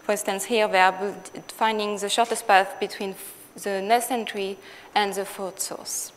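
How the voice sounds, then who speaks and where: A woman's voice: mid-range voice, fairly even intonation, normal speed. A woman with a French accent giving a scientific conference talk, with many fillers and restarts. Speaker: conference speaker. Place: lecture hall. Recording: long hall reverb with faint noise.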